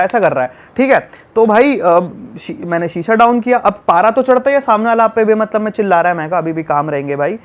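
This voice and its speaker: Animated high-voiced man telling a story. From Delhi. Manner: animated, acts out shouting in the retelling. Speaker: travel youtuber guest. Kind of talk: casual storytelling chat.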